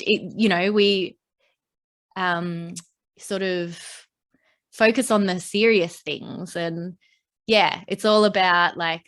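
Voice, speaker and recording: A woman co-hosting a podcast, talking casually in a rambling, upbeat way with lots of fillers. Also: mid-range voice. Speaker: podcast co-host. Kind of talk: casual chat.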